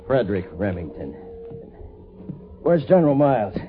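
Through a narrow, tinny vintage radio recording comes a cocky male frontier painter. He banters wryly and sardonically, his pitch moving freely in old radio drama fashion. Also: sing-song, moderate pace, over music. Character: cocky, wry frontier painter and war sketcher.

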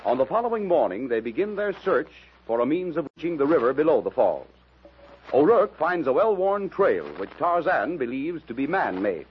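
A man's voice: fairly high pitch, big pitch swings, moderate pace. Dramatic male narrator, muffled old recording. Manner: dramatic, formal. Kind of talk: 1930s radio scripted narration. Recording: dull, noisy old radio recording.

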